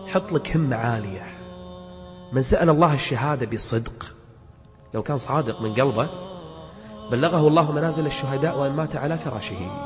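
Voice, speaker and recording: A man preaching a motivational sermon, emphatic, firing rhetorical questions and repeating himself for force. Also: medium pitch. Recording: long hall reverb with background music.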